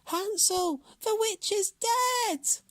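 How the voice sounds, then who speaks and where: A man reading a storybook aloud and voicing a quick-witted little girl who cries out in a high voice. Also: expressive, no echo. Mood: joyful.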